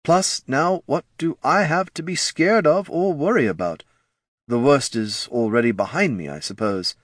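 A man's voice: medium pitch, normal speed, a bit bright, no room sound, clean studio sound, voice pushed up, close to an everyday voice. A man voicing a plain-spoken male undead recruit who talks matter-of-factly. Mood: offhand. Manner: offhand, matter-of-fact.

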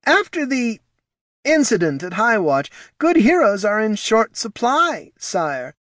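A flustered, anxious official of a heroes' guild, pleading in a raised, strained pitch, voiced by a man. The sound is dry and close, the delivery lively. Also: slow, no room sound, full character voice.

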